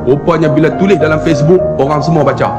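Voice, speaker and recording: A male preacher telling a sermon story, animated, acting out voices and bursting into shouts. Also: on the high side, fast talker. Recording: echoey hall, faint music.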